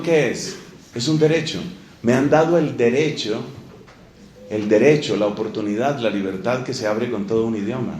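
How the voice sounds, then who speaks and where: Animated preacher man in an echoey room. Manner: animated, swings between loud emphasis and low asides; acts out little dialogues in different voices. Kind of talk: sermon. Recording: echoey room with faint ambient noise.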